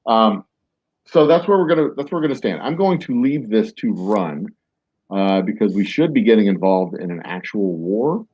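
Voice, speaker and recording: This streamer narrates his strategy game in a loose let's-play style, rambling, poking fun at himself and filling gaps with fillers. His lowish, husky voice has a sing-song lilt at a moderate pace, and the desk-mic recording is muffled with no room sound.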